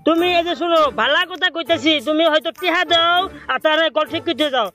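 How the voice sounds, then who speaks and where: A very high-pitched man talks fast on a prank call, arguing insistently over music. He keeps complaining in a repetitive, pleading way.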